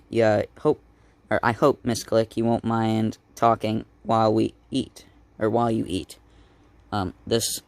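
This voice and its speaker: Gravelly-voiced man reading a comic aloud. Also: fairly low pitch, a little mellow, no room sound. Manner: halting, stumbling over words and correcting himself. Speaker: comic book reader. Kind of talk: casual read-aloud of a comic.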